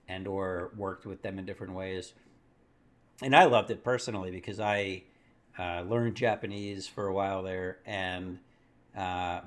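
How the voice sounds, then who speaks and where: A man with a lowish voice hosts a casual live market stream, rambling and thinking out loud. He corrects himself as he goes and laughs often.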